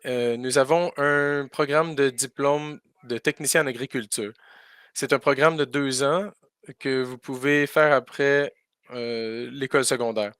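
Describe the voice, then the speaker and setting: A man's voice: mid-range voice, a bit bright, clear, resonant tone, dry recording, studio quality. A man doing live spoken interpretation for a school farm tour, hesitating often with fillers and restarts.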